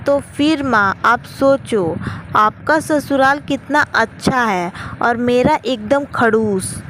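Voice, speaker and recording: Woman doing a resentful young wife, slow, higher voice, traffic noise behind. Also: a bit bright. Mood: bitter. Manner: complaining, resentful. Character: weary young married woman, bitter. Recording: noisy with traffic outside.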